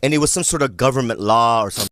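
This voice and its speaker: A man's voice: mid-range voice, very fast, fairly bright tone, dry recording, studio quality. A man in casual comic banter, talking in slangy, profane bro-speak.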